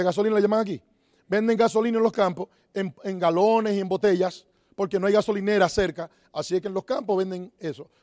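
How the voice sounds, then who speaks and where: A man's voice: sits high, darkish tone, dry recording, clean studio sound. A man giving a motivational talk on network marketing, asking the audience rhetorical questions and repeating key phrases. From Dominican Republic.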